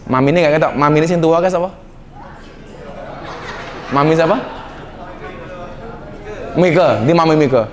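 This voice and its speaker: Speaking at a moderate pace with frequent pauses, a middle-aged man with a slightly high voice and a Javanese accent gives a joking sermon to a live nightclub crowd. He teases them and blends Javanese slang into his talk.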